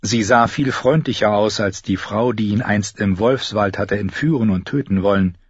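Brief: low, husky man reading fiction, dry and dull recording. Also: normal speed, no echo. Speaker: audiobook narrator. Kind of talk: scripted narration.

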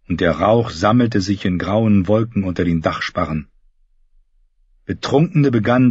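Husky male audiobook narrator. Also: fairly low pitch, no echo, highs cut off. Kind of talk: scripted narration.

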